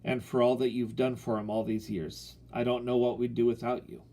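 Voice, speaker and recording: A man voicing a gruff father who talks sternly. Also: medium pitch, level tone, fairly quick, warm tone, natural voice. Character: gruff father, stern but secretly amused.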